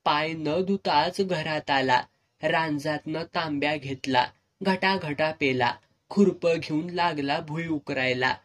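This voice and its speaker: A man's voice: a little high, slow pace. A man narrating a serialized village novel in earthy, vivid dialect. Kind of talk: storytelling narration.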